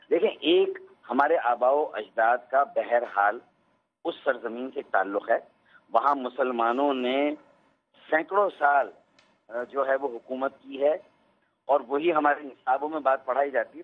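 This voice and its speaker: Insistent man on a tinny phone line. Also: mid-range voice. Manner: insistent, talks over the host. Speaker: politician guest on phone line. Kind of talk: political debate on a phone line.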